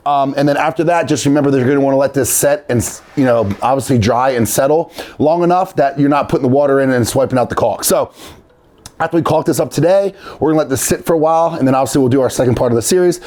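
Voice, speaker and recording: A man's voice: mid-range voice, quick pace, a little mellow. A man talking informally to his viewers as host of a casual how-to video. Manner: informal, addresses viewers as guys. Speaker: host of a DIY video series.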